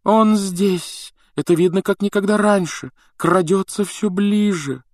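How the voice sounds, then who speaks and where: A dreamy, mystical female divination teacher, which a man puts on in a raised voice for an audiobook, drawing every phrase out in a slow croon. The sound is dry and close. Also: sits high, dry recording, pitched above the performer's own voice. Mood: eerie whisper. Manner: drawn-out, crooning delivery.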